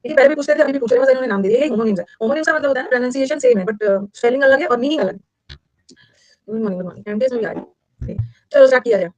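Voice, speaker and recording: Explaining vocabulary to competitive-exam students online, an Indian woman chats rapidly in a blend of Hindi and English. The voice is high-pitched and darkish, and the recording is dry and muffled.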